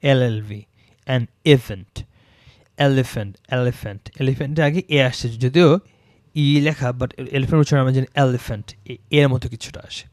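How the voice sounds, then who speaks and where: A man teaching an English grammar lesson, repeating example words slowly to show how they sound and mixing English terms into his talk. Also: medium pitch, dry recording, clean studio sound. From Bangladesh.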